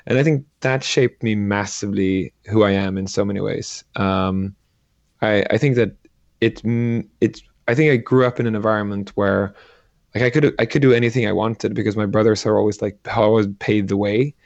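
A Swedish entrepreneur and angel investor, appearing as an interview guest, answers thoughtfully but hesitantly, using many fillers. His voice is on the low side and a bit mellow at a moderate pace, in a dry recording with the highs cut off.

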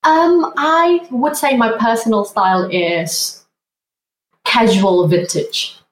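A woman's voice: on the high side, big pitch swings, takes it slowly, reverberant, poor audio. A woman, talking as a podcast guest in an earnest, reflective way. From Indonesia. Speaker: guest, vintage blogger. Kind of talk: conversational interview.

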